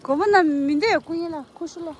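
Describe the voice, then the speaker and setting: A woman's voice: very high voice, moderate pace, slight background noise. A young woman vlogger chatting casually on a trip outdoors, exclaiming and laughing often. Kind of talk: casual travel vlog chat.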